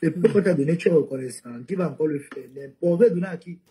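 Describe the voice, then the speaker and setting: A man hosts a casual live stream and keeps pleading with viewers to back him, going over the same words again and again. His voice is mellow and set a little high for a man. There is a faint hiss behind him. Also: fast talker, poor audio. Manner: pleading, repetitive, asks viewers for support.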